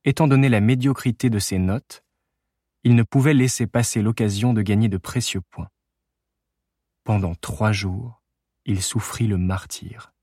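A man reads a literary novel aloud as an audiobook, measured and unhurried. His voice sits on the low side and the sound is dry and close, with no room around it. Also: darkish tone, no room sound. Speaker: audiobook narrator.

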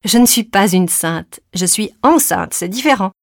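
A woman's voice: medium pitch, animated, normal speed, creaky, no room sound, clean studio sound. A woman reader voicing a pregnant young wife who is firm, teasing and sure of her rules, in an audiobook.

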